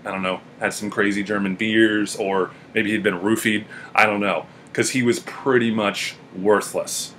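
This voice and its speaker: A young man casually telling funny stories about a friend to the camera, relaxed and amused, with plenty of ums and uhs. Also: on the low side, slight background noise. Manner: laid-back, amused, with filler ums and uhs. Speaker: friend giving a video tribute.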